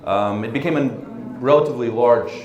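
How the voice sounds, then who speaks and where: A middle-aged man giving a training lecture, relaxed, with frequent ums and tag questions. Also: mid-range voice, a little fast, muffled recording, crowd noise. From born in Russia, raised in the United States and the Netherlands. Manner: relaxed, frequent ums and uhs, asks "right?" often. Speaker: training speaker. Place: conference room. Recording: echoey room.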